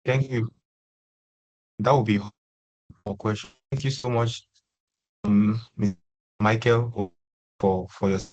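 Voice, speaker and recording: A man's voice: on the low side, steady tone, slow pace, pauses often, a little mellow, dull audio. Man on a breaking, weak call line. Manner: hesitant, apologetic, with fillers. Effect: weak, breaking call connection. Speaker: webinar moderator. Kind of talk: online meeting moderation. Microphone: remote video call.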